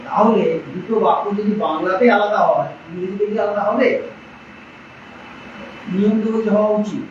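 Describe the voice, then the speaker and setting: A man teaching an English grammar class in a classroom, firing questions at students and dictating slowly. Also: sits high. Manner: quizzes students with repeated questions, slow dictation. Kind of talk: classroom lecture in Bengali. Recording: echoey dull classroom recording from far off, noisy.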